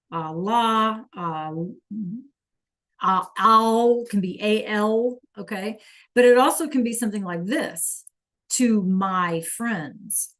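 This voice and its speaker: A woman's voice: mid-range voice, fairly bright tone. A woman teaching a Spanish lesson online, patiently checking in with her students and praising answers from the chat.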